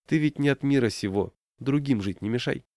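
A man's voice: medium pitch, fairly quick, darkish tone, no echo, clean studio sound, voice pushed up, natural voice. A man voicing a lazy, scornful wife who drawls her words.

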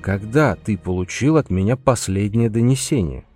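A man voicing a stern, gruff male leader of a polar rescue team, curt and exasperated. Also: fairly low pitch, animated, moderate pace, warm tone, soft background music, close to an everyday voice.

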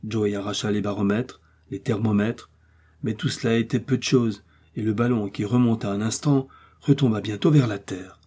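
Husky-voiced male audiobook narrator. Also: fairly low pitch. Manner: steady, measured storytelling. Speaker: audiobook reader.

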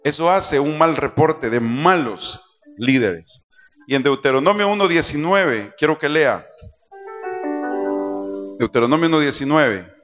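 A man preaching a sermon, calling out to his congregation and swinging between loud cries and soft asides. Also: a little high, lively intonation, a little slow, long pauses. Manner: preaching with call-and-response to the congregation. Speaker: pastor. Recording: dull lo-fi church recording with music.

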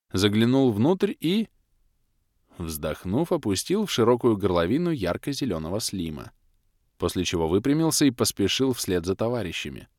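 A man narrating a first-person audiobook in a lively, expressive reading. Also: lowish voice, no echo, clean studio sound.

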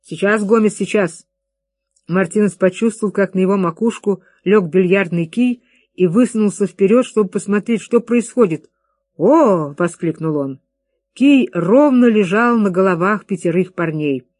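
Audiobook narrator, steady even reading, mid pitch, dry close sound. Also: normal speed, no room sound.

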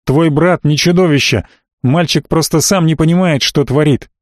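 A haughty middle-aged baron, icy and clipped, who blusters when cornered, as a male narrator plays him. The voice sits a little high for a man and sounds dry and close. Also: normal speed, dry recording, lightly acted. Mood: angry, blustering.

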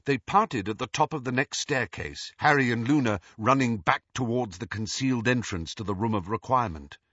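A man's voice: mid-range voice, moderate pace, breathy edge, no room sound. A man narrating an audiobook expressively, in a dull, dry recording. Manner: expressive, dramatic. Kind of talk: scripted narration.

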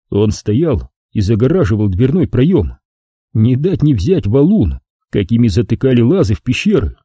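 A man reading an audiobook aloud with animated storytelling. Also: mid-range voice, husky, dry recording, studio quality. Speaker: audiobook reader. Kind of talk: scripted narration.

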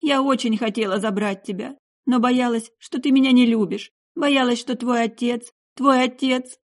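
Audiobook figure: remorseful middle-aged mother, emotional outbursts, higher voice, read by a woman. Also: fairly even intonation, normal speed, lightly acted. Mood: tearful.

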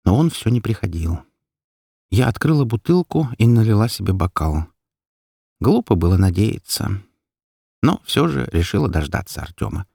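A man narrating a first-person story in an expressive, lively storytelling manner. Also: fairly low pitch, moderate pace, creaky, husky, dry recording, studio quality. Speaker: audiobook narrator.

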